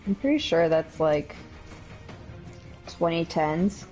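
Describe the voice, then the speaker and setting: Female co-host, lowish and animated, dry teasing banter. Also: takes it slowly, faint music behind, rough recording. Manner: teasing, dry sarcastic quips. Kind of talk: casual chat. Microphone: remote from the host.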